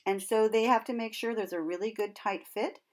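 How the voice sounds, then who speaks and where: Speaking fairly quickly with rather even intonation, a middle-aged nature educator and presenter narrates a lesson for young children in her medium-pitched voice. She keeps her wording simple and clear, occasionally putting a question to the kids, against a noisy background.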